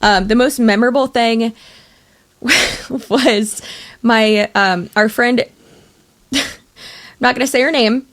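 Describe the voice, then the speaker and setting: A woman's voice: fairly high pitch, slow pace, long pauses. A woman co-hosting a podcast in casual chat, telling stories and laughing often. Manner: chatty storyteller, laughs often. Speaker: podcast co-host.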